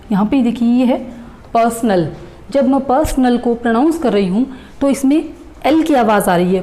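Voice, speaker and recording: Woman, teacher, patient step-by-step explanation, spells out letters, warm tone. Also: on the high side. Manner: patient, addresses viewers as friends, repeats and spells out letters. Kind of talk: explanatory reasoning lesson.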